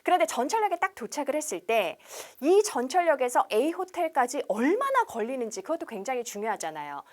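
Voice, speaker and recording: High animated woman teacher doing a tv english lesson, coaxing, slow repeat drills. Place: TV studio.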